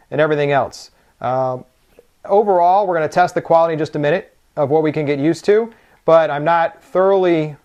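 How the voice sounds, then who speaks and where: In a casual unboxing-and-demo style, a man tries out a product and explains it one step at a time. His voice sits on the higher side and has a gently mellow quality, and his manner stays informal throughout.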